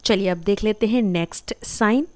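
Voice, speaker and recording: A woman's voice: medium pitch, normal speed. A woman, teaching a vocabulary lesson as a voice-over for slides, patiently saying each term and repeating it with care. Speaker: English teacher. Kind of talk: slow explanatory lesson.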